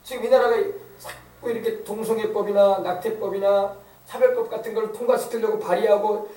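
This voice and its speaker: A man's voice: sits high, steady tone, fairly quick, mellow, echoey room, recorded from a distance, rough recording. A male pastor preaching an emphatic sermon, often asking the congregation to agree. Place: church sanctuary.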